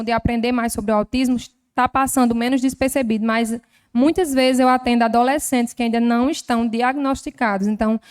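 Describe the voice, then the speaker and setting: Smooth, slightly high Northeastern Brazilian woman lecturing. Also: a little mellow. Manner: didactic, explains with examples and diminutives. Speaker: health professional giving a talk. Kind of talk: lecture at a formal council session. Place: legislative chamber.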